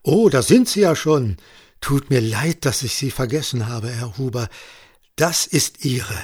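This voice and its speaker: A man's voice: mid-range voice, expressive, measured pace, a little mellow, breathy edge. A man voicing a jovial, mischievous farmer in a spoken story. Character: good-humored roguish male farmer.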